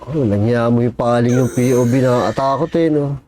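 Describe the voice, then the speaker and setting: A man's voice: mid-range voice, a little fast, mellow, slight background noise. A man giving casual reaction commentary on a video, chatting to viewers and cursing when startled. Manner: jumpy, exclaims and curses when startled.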